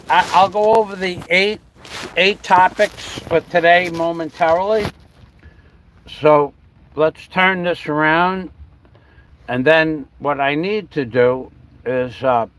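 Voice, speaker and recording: A man's voice: fairly high pitch, fairly bright tone, a little hiss or hum. A man from the New York and New Jersey area hosting a livestream, chatting in a meandering way, spelling words out letter by letter and talking while he adjusts his camera. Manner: talks while fiddling with his camera setup. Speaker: livestream host. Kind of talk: rambling livestream chat.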